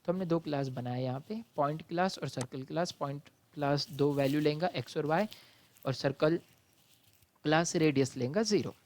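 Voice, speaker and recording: A man from India, a college lecturer teaching programming, who explains patiently step by step, calls his students "beta" and reads exam questions out slowly. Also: on the high side, darkish tone.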